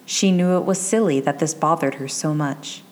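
A woman narrating a fan fiction chapter in a measured, even storytelling delivery. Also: low-pitched. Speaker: audiobook narrator.

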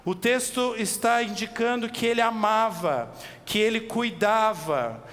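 A man with a Brazilian accent preaching an expository sermon, animated, asking his listeners direct questions and slowing down on key words. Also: high-pitched. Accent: Brazilian Portuguese. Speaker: pastor. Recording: long reverb with faint background noise.

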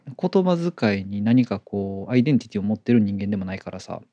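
A fast-talking, expressive man with a warm voice on the low side, recorded with dull audio and no room sound. A Kansai native mixing Kyoto and Kobe speech, he co-hosts a casual podcast chat and often repeats short words of agreement.

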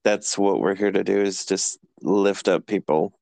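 A man's voice: low-pitched, fairly even intonation, a little slow, gravelly, darkish tone, dry recording. A man hosting a podcast, chatting casually in a rambling, self-deprecating way and laughing often. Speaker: podcast host. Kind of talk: casual chat.

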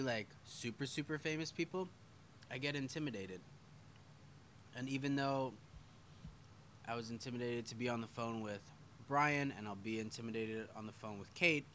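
Bright-voiced casual man hosting a live stream. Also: medium pitch, a little hiss or hum. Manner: loose and swearing, with self-deprecating asides. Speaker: podcast host reading live chat.

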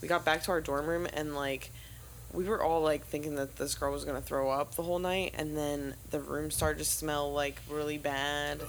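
A woman's voice: sits low, moderate pace, a little hiss or hum, rough recording. A young woman hosting a podcast, telling stories in casual chat and swearing freely. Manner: lively storyteller, swearing freely. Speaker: podcast host.

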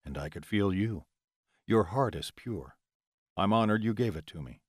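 A man voicing an affectionate male vampire lover in an audiobook, speaking low, calm and reassuring. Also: moderate pace, breathy edge, no echo, studio quality. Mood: tender.

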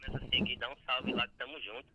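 A man's voice: medium pitch, very fast, sharp tone. A man calling in over a phone line to a live stream, speaking in brief, laid-back slang. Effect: heard over a phone line. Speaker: caller, internet provider owner. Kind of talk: casual call-in to a live stream. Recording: muffled phone call.

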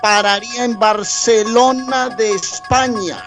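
A man's voice: high voice, slow pace, over music. A man co-hosting a radio show, chatting casually and hyping up news with teasing banter. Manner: excitable, teasing, hypes news. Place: radio studio.

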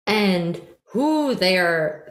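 A woman's voice: lowish voice, animated, drawn-out words, echoey room. A woman co-hosting a casual chat about TV shows, enthusiastic and full of fillers. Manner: enthusiastic, chatty, many fillers. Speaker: podcast co-host.

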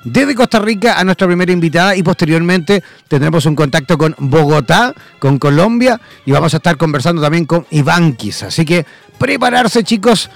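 A man's voice: fairly high pitch, expressive, normal speed, vocal fry, dry recording. A man hosting an online talk show, introducing and interviewing a guest in an enthusiastic, formal emcee manner.

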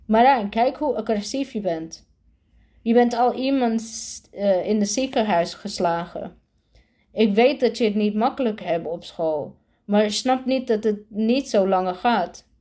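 A woman's voice: mid-range voice, unhurried, mellow, natural voice. A woman reading the part of a female schoolteacher who speaks to a boy in a reproachful tone. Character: guilt-struck female schoolteacher.

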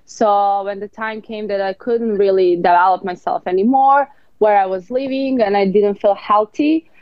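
A woman's voice: medium pitch, moderate pace, no echo, lo-fi sound. A woman in her twenties from Serbia, a guest talking openly and unhurriedly in a casual interview. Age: 20s.

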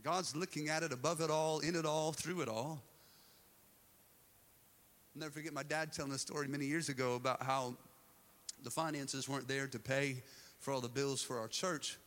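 A man preaching a live church sermon as pastor, animated and joking, swinging between loud acted-out dialogue and quiet intensity. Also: mid-range voice. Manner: drops to quiet, slow, intense delivery; jokes with the congregation. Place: church service.

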